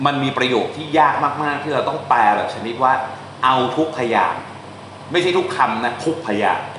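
A man's voice: mid-range voice, fairly bright tone. Male teacher, casual and chatty, explains step by step, recorded in an echoey classroom with faint background noise. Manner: chatty, explains step by step, reads English lines slowly. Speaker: translation teacher. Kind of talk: informal classroom lesson.

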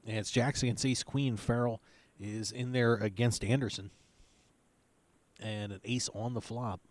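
A man's voice: on the low side, steady tone, unhurried. A man hosting live poker tournament coverage, calling hands and reading chip counts in a chatty, loose play-by-play with plenty of filler words.

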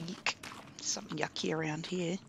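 A gaming commentator provides casual let's-play commentary on a survival game, thinking aloud in a relaxed, chatty way as he plays. His voice is fairly high and gravelly at a normal speed, with background noise in the clip.

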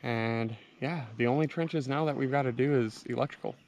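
A man's voice: medium pitch, brisk, a little mellow, dull audio, a little hiss or hum. A man in his thirties co-hosting a casual outdoor vlog, enthusiastic and easygoing, filmed on a handheld camera. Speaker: vlog co-host. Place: outdoors at a rural building site.

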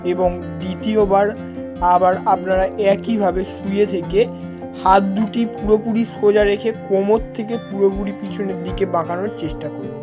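A woman yoga teacher giving scripted, step-by-step instructional narration. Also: mid-range voice. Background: plucked guitar music.

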